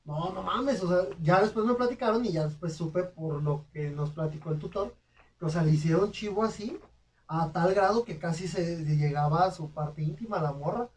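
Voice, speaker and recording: A man's voice: high voice, normal speed. A young man with a Mexican accent telling a story in casual chat, full of slang and laughter, acting out the voices of people he quotes. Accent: Mexican Spanish. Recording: distant mic with faint noise.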